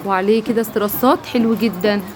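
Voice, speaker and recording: Very fast-talking, gushing Egyptian woman presenter. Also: mid-range voice, fairly even intonation, slight background noise. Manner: gushing, echoing the seller with exclamations. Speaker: presenter of shop sale video. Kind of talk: live shopping promotion, casual chat. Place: air-conditioned clothing shop in a market.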